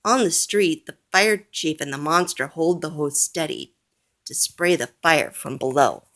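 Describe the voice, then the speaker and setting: A woman reads a children's storybook aloud, gentle and deliberate. Her voice sits a little low, and she takes her time, with a lively, lilting melody.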